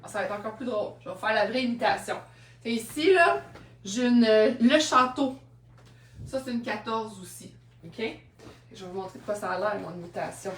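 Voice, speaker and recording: A woman's voice: medium pitch, animated, normal speed, recorded from a distance, slight background noise. A woman with a Québécois French accent, chatting and telling stories while showing second-hand clothes on a live stream. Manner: chatty, storytelling, laughs often. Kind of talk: live-stream selling chat. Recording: roomy sound from off-mic.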